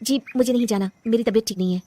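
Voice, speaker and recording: A woman doing a sulky young wife, high and sharp. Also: racing, heavy background noise, lightly acted. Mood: curt. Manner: sulky and curt, then tearful. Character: young unhappy wife who dreams of painting.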